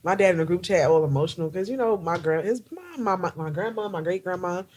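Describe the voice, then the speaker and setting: A woman's voice: lowish voice, expressive, fast talker, a little mellow, a little hiss or hum. A young woman from New Jersey co-hosting a podcast in casual chat, joking and laughing often. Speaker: podcast co-host.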